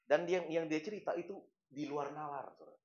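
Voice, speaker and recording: A man's voice: a little high, a little fast, darkish tone. A man preaching a sermon as pastor, speaking in a colloquial, playful way with slang and acted asides. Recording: echoey, muffled church recording.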